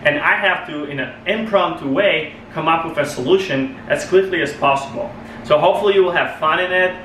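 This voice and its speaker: A young Polish man delivers an earnest speech to his club, restarting phrases and using non-native grammar as he hunts for the right words. His voice is bright, fairly high for a man, and brisk. The mic sits far off in an echoey meeting room, with slight background noise.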